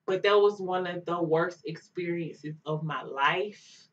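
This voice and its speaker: Young woman, storytime vlog, animated, voice set back from the mic, dull lo-fi sound. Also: lowish voice, takes it slowly, recorded from a distance. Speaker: vlogger.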